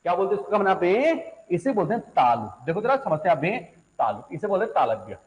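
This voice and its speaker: A man's voice: sits high, big pitch swings, fast talker, lo-fi sound. A young adult man teaching a class, asking students questions, answering them himself and repeating syllables aloud. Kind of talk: classroom lecture on Hindi phonetics. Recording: echoey classroom.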